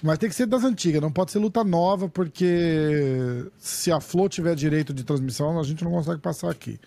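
A man with a Brazilian accent hosting a podcast in casual, slangy chat, with a raspy voice. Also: fairly high pitch, a little fast, mellow. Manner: slangy, swearing, informal. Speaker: podcast host.

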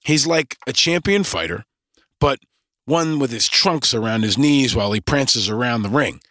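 A man's voice: medium pitch, lively intonation, normal speed, sharp tone, dry recording, clean studio sound. A man hosting a podcast, delivering a scripted monologue in punchy, rallying lists. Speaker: podcast host.

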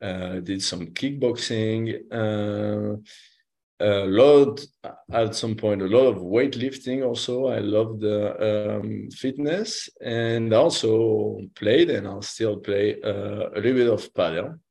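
A man's voice: on the low side, takes it slowly, creaky, a little mellow. A man from the French Basque Country with a French Basque accent, answering casually as a podcast guest and hesitantly searching for his words.

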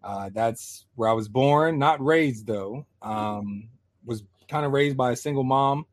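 A man in his thirties from Pennsylvania, a guest telling his life story in a casual, animated way. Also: medium pitch, a little slow. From Harrisburg, Pennsylvania. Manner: lively, animated storyteller acting out quoted voices.

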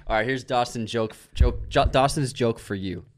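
A man speaks as a casual co-host with a middle-pitched voice. He banters good-naturedly and often chuckles between phrases. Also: normal speed, slight background noise. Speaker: co-host of a comedy show. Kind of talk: casual chat.

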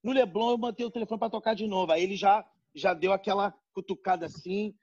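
A man's voice: high voice, quick pace. A man telling a story to friends in casual chat, acting out the people in it. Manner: animated, acts out voices in quotes. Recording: dull lo-fi sound.

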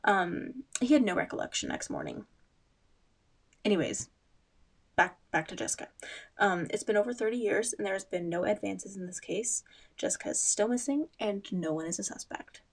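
A woman's voice: mid-range voice, very animated, moderate pace, vocal fry. Chatty young woman rambling about true crime. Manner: chatty, rambling asides, frequent ums. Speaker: podcast host. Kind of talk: casual true-crime chat.

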